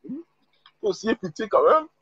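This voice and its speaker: A man calling into a live stream, urging the host to calm down and repeating himself. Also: high voice, normal speed, husky, muffled recording. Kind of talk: casual call-in talk.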